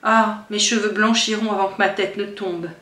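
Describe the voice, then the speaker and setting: A woman's voice: mid-range voice, fairly even intonation, moderate pace, a bit bright. Woman reading a novel aloud with feeling. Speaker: audiobook reader. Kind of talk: dramatic reading of a classic novel. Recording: roomy sound from some distance from the mic.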